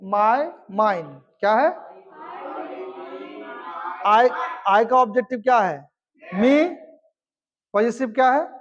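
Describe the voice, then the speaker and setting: A young man teaching an English grammar class, drilling students with stern mock threats. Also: very high-pitched. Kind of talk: classroom lesson, call-and-response drilling. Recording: dull lo-fi recording.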